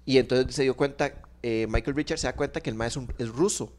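A young man with a Costa Rican accent rambles through an anecdote in a relaxed podcast chat. He restarts his sentences and fills the gaps with little sound effects as he goes. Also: medium pitch, a little fast. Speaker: podcast co-host. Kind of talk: casual chat.

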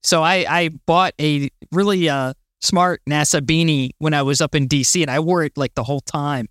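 A woman's voice: low-pitched, moderate pace, dry recording, clean studio sound. A woman from Florida co-hosting a podcast in casual chat, bubbly and laughing often. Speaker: podcast co-host.

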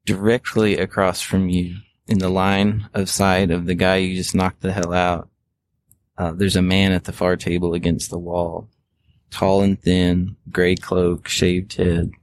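A man with a very low voice narrates a tabletop game as game master, laying out the fight at an easygoing pace and restarting his phrases. A faint hiss sits under his voice. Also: a little slow. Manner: relaxed, descriptive, with frequent restarts.

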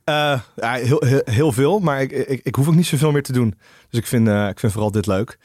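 A man's voice: mid-range voice, a little fast, a little mellow, dry recording, clean studio sound. A man speaking as a podcast guest in casual chat, hesitant with many restarts. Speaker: podcast guest, tech journalist.

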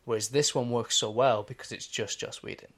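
A man's voice: medium pitch, steady tone, a little fast, fairly bright tone. A man co-hosting a podcast in casual chat, explaining his views at length with many "you know"s. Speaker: podcast co-host.

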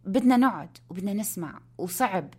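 A woman's voice: mid-range voice, expressive, fairly quick, breathy edge. A woman, co-hosting a casual podcast and making earnest, emphatic points. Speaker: podcast co-host.

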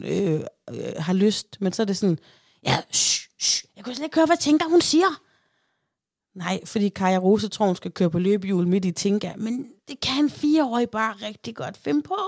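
A woman in her thirties telling a story in a casual chat, lively and animated, often acting out what others say. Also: mid-range voice, no echo, studio quality. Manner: chatty, animated, acts out quotes. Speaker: podcast host.

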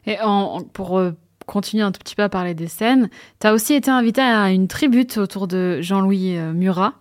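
A woman's voice: medium pitch, a little fast, no room sound. Woman interviewer, very dry sound. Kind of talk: casual interview chat.

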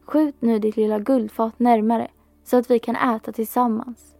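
A woman's voice: a little high, steady tone, creaky, dark tone, no echo, soft background music. A woman voicing a small, persistent male frog who keeps pleading and insisting. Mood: demanding.

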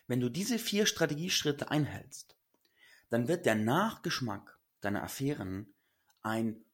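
A man's voice: medium pitch, husky. A man giving casual but earnest relationship advice to listeners, emphatic and slangy.

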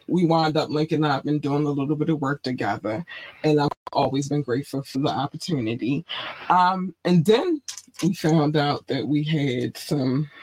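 Excitable man hosting a casual chat. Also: on the high side, poor audio. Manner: excitable, swears freely, laughs often. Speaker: host.

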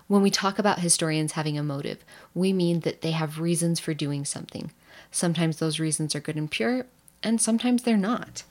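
Playful woman narrating a history lesson. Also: on the low side. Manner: playful, jokey asides. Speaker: history teacher. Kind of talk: scripted educational narration.

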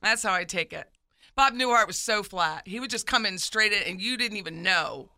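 A woman co-hosting a radio show from a studio desk, talking in a lively, emotional way and telling stories with feeling. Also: mid-range voice, moderate pace, no room sound. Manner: emotional, animated storyteller. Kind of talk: casual radio chat. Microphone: studio microphone.

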